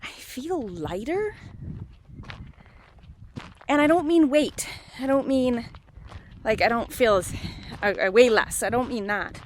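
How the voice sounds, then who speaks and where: A woman's voice: on the high side, normal speed, a little hiss or hum. A middle-aged woman talking casually and candidly in a rambling personal vlog, often questioning herself with emphasis, recorded on a handheld phone. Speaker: vlogger. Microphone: handheld phone at arm's length.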